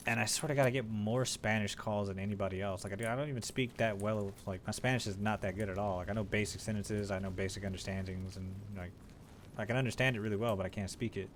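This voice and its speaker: A man's voice: on the low side, steady tone, fast talker, a little hiss or hum. A man from Mexico streaming live, chatting casually while he plays and telling rambling, profane stories about work calls. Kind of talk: casual chat while gaming.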